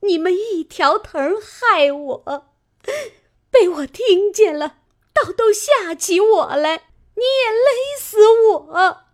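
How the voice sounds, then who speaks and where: A woman voicing a fierce, jealous young noblewoman in a dramatized novel reading, with shrill, sobbing, rapid scolding. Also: expressive, exaggerated voice. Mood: raging.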